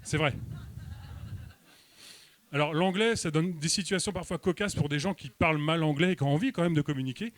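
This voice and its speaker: A man with a French accent performing a stand-up comedy set on a comedy club stage, delivering his jokes with deadpan, mock-serious hesitation. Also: fairly high pitch, fairly quick, long pauses, no echo.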